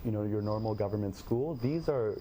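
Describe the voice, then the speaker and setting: A young man from Nepal, answering interview questions in a measured, thoughtful way with frequent fillers. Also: on the low side, mellow, a little hiss or hum. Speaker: guest, education tech company head.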